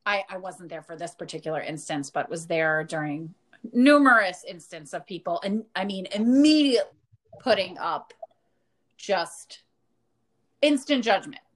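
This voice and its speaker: A woman's voice: fairly low pitch, moderate pace. Emphatic woman podcast co-host. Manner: emphatic, animated storytelling with restarts. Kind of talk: casual chat.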